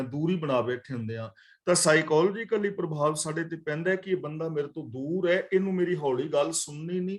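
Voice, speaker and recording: A man teaching a daily scripture class, reciting verse lines slowly and then explaining each word in plain talk. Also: a little high. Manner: glosses verse words one by one, slow recitation of lines. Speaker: katha teacher.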